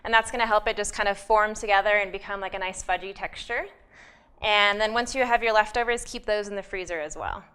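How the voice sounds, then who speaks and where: A woman's voice: mid-range voice, fairly quick, sharp tone, clean tone. A young adult woman giving a friendly cooking demonstration as a guest nutrition specialist, explaining steps with many fillers.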